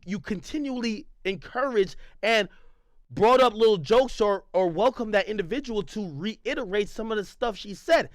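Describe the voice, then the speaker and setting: A young man arguing heatedly in a podcast confrontation, animated and interrupting, repeating himself. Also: high voice, dry recording. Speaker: streamer confronting a podcast host. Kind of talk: heated argument.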